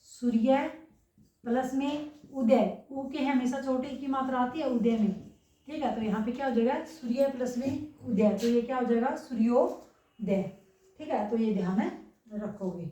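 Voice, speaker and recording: A young woman teaching a grammar lesson, her voice sitting a little high. She keeps asking questions and then answering them herself. She is recorded from a distance in an echoey room. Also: moderate pace, dark tone. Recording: echoey room, mic far away.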